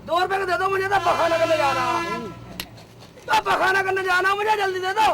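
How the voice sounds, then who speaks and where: A man's voice: fairly even intonation, normal speed, very noisy. A man playing a foolish, literal-minded young son-in-law in a comedy film, with a cheeky manner. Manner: squeaky, cheeky, takes every word literally. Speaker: comic lead.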